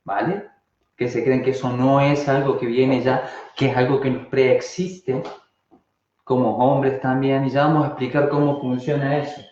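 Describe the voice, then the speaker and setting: A man's voice: mid-range voice, moderate pace. Argentine man teaching, rhetorical questions. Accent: Argentine Spanish. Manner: animated, asks rhetorical questions and answers them. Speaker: online course teacher. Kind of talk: live online class talk. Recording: dull, roomy sound.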